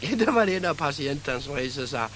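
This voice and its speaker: Chuckling older Southern Norwegian storyteller. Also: male voice, mid-range voice, expressive, over a noisy crowd. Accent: Southern Norwegian, Kristiansand area. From Southern Norway. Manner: chuckles at his own jokes, halting restarts. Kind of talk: humorous anecdote telling.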